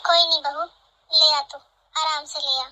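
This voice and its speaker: Woman doing a tired old auntie, soft and sorry-sounding, high bright voice, cartoon family drama. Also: steady tone, measured pace, exaggerated voice, poor audio. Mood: weary. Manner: soft, weary, apologetic. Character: tired elderly aunt, meek and put-upon. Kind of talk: animated family drama voice acting.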